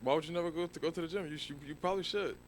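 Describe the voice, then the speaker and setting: A man's voice: fairly high pitch, very fast, slight background noise. A man co-hosting a live podcast, teasing his partner and laughing often. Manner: teasing, laughs a lot, profane. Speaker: podcast co-host. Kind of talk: casual live podcast chat.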